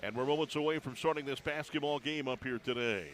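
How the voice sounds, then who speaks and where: A man's voice: medium pitch, quick pace, a bit bright, low-quality recording. A man giving live play-by-play commentary on a college basketball game, folksy and conversational, with frequent "uh" fillers. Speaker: play-by-play announcer.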